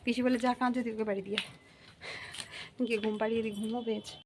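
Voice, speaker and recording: A woman, a mother, narrating her day in a casual vlog in a soft, low murmur, sometimes cooing baby talk to her daughter. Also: level tone, quick pace. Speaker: vlogger and mother of a baby girl. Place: home, then outdoors on the street. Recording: noisy handheld phone vlog audio. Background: wind and outdoor noise.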